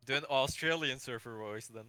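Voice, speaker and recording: A man's voice: medium pitch, fairly quick, very noisy. A man making dry, teasing remarks while playing a video game. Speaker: player reading game dialogue. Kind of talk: casual let's play.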